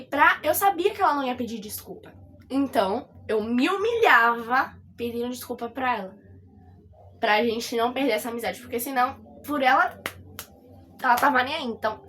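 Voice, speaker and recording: A woman's voice: a little high, a bit bright. A woman with a Brazilian accent giving casual advice straight to her viewers, repeating her points and checking in that they understand. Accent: Brazilian Portuguese. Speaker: vlogger.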